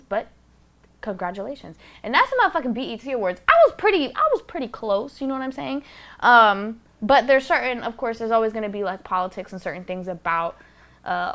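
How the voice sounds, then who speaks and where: A woman hosts her own podcast in a loose, casual way. She talks bluntly and candidly and swears freely. Her mid-pitched voice sits close on the microphone. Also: a bit bright. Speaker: podcast host. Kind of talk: casual solo podcast commentary.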